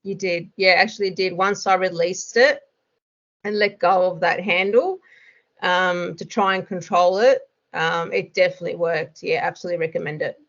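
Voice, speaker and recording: A woman's voice: fairly low pitch, fairly even intonation, moderate pace, dull audio. A woman, a hypnosis student, chatting casually in an interview with lots of fillers and frequent laughs.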